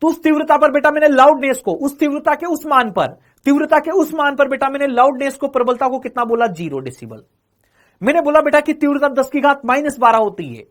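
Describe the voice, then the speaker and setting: A male physics teacher with a notably high-pitched voice gives an exam-prep lecture. He keeps asking the class questions, calls them "beta", then answers the questions himself. He repeats each phrase two or three times. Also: lively intonation, brisk.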